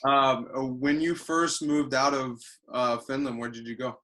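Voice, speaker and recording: Bright-voiced male podcast host. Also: mid-range voice, a little slow. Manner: relaxed, short encouraging replies and questions. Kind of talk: casual interview chat.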